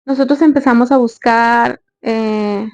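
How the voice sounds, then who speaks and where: A woman's voice: on the high side, steady tone, a little slow, a little mellow, no room sound. A young woman earnestly tells a sad family story, retelling dialogue in quotes. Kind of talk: personal story narration. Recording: dull dry close recording.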